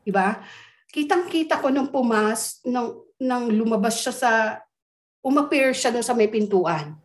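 A woman recounts an eerie experience in a relaxed, conversational way. Her voice sits a bit high, and she animates the story by acting out what others said. The delivery is casual and expressive. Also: a little slow. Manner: animated, acts out quoted dialogue with voices. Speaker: guest telling a ghost story.

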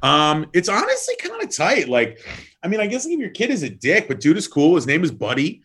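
A man in his thirties talking casually in an interview about his wine brand work, swearing often, rambling with lots of likes and ums, and jumping up in pitch for emphasis. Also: brisk. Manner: animated, jumps up in pitch for emphasis.

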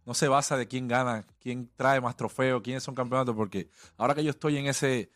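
A man's voice: medium pitch, fairly even intonation, brisk, a bit bright, dry recording. A man co-hosting a sports talk show, earnest and often agreeing. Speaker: co-host.

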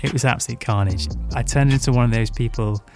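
A man's voice: mid-range voice, quick pace, music in the background. A young man who grew up in Hong Kong tells a funny personal story on a podcast, candid and self-mocking. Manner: candid, self-mocking, lively when recalling.

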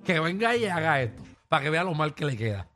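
A man with a Puerto Rican accent co-hosting a radio show, hoarse and cracking jokes about himself. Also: on the high side, sing-song, fast, pushed and bright, faint music behind. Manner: joking, self-deprecating storyteller. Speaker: radio co-host and comedian. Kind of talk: casual radio banter.

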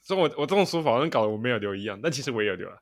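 His medium-pitched voice has a sing-song quality, and he races along. The young man co-hosts a laid-back podcast, storytelling with frequent laughs mid-sentence.

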